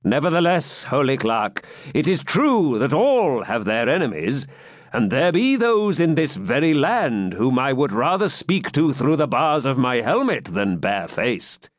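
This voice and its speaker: A man's voice: mid-range voice, sing-song, unhurried, no echo, studio quality, voice pushed up. A man voicing a proud male knight who speaks in a stern, wry way.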